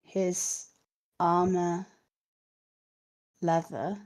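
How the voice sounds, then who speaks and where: Woman doing a raised dead woman, faint whisper, halting, low, very slow, hollow and distant. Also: little pitch movement, a little mellow.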